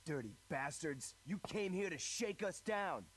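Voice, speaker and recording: Casting: hot-headed young game character, impassioned anime-hero style, very lively intonation. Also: male voice, a little high, unhurried, a little hiss or hum. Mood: outraged. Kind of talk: English video game dub acting.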